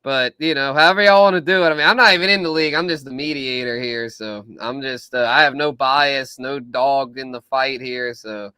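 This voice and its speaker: A man's voice: mid-range voice, fairly even intonation, fairly quick, few pauses, bright, forceful tone, clear, resonant tone, no room sound, clean studio sound. A man hosting a live fantasy football stream, talking casually in slang and laughing often. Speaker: podcast host.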